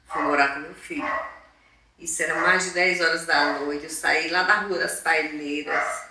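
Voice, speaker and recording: A mother from northeastern Brazil, interviewed for a documentary, telling her story in a lively way and acting out past conversations. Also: sits low, moderate pace, noisy background. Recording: echoey room, mic at a distance.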